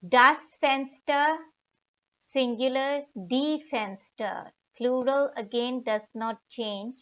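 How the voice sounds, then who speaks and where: A woman teaching German vocabulary in a tutorial, pausing often and sounding out each German word with care. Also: a little high. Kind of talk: slow, deliberate tutorial explanation. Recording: slightly dull lo-fi recording.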